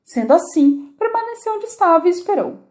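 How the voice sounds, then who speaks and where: Expressive woman reading a storybook aloud. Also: very high voice, brisk. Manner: expressive storytelling with lively intonation. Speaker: audiobook narrator. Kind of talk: audiobook narration of a children's classic.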